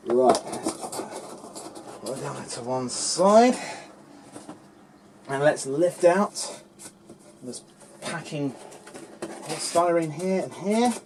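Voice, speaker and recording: A man's voice: a little high, animated, extremely slow, pauses often, background noise. Chatty man unboxing on camera. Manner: chatty, talks to the camera and the objects he handles. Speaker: unboxing vlogger. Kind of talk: casual unboxing commentary to camera.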